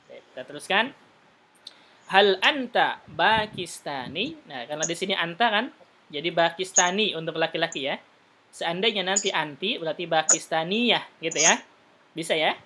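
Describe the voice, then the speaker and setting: A man teaching an Arabic class, patiently explaining and repeating words slowly for his students. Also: a little high, pushed and bright.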